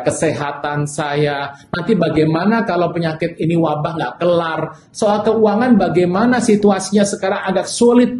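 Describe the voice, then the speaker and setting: A male pastor preaching a sermon in an animated way, acting out people's desperate cries for help. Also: fairly high pitch, roomy sound, slight background noise.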